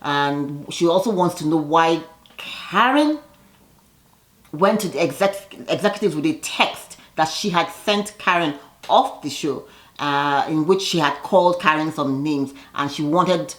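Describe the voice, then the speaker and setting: A woman's voice: deep voice, measured pace. A woman hosting a reality TV recap in a casual, chatty way, with a sassy, gossipy manner and slangy asides. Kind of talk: casual chatty commentary, acting out quotes.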